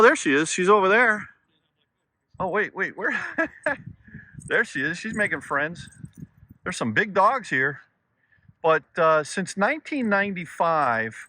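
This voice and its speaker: A man's voice: a little high, sharp tone, no room sound. A middle-aged man hosting a travel vlog, chatting in an enthusiastic, rambling tour-guide way, filmed outdoors and at a seaside eatery on a handheld camera. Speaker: vlog host. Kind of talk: casual travel vlog narration.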